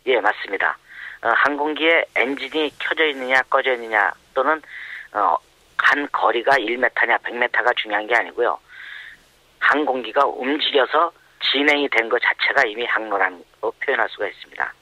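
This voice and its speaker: Anonymous male interviewee, voice disguised by a pitch changer, harsh and bright, dry and close. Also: dry recording, rough recording. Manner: measured, with frequent hesitant "uh" fillers. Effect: voice disguised by pitch altering. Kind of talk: explanatory interview answers.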